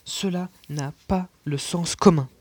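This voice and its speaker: A reader voicing an irascible, obsessive older male professor in an audiobook, raising the pitch and pushing louder. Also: moderate pace, husky. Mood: exploding. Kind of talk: audiobook character reading.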